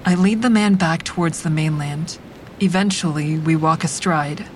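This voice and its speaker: With a vehicle rumbling steadily in the background, an actress speaks in her natural voice as a grieving woman who quietly deceives, narrating in first person for an audio drama. She is measured, introspective and guarded.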